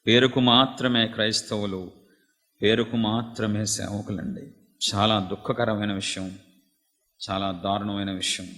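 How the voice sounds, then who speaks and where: Dramatic male pastor preaching, bright sharp voice, big echoey meeting hall. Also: level tone, normal speed. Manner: dramatic, swings from hushed to loud and high. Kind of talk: sermon.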